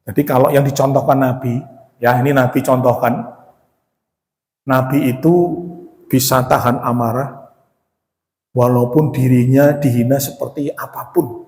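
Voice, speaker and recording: A man's voice: mid-range voice, darkish tone. A man giving a conversational sermon as ustadz to a mosque congregation, often calling them Pak and asking them questions. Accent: Indonesian from West Java. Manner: acts out quoted voices. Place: mosque hall. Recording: echoey mosque hall with long reverb.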